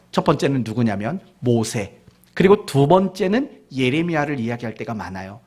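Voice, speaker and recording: A male pastor preaching a sermon, questioning the congregation directly and mixing in humorous family stories, going from loud to hushed. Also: fairly high pitch, slightly rough. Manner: mixes in humorous family anecdotes.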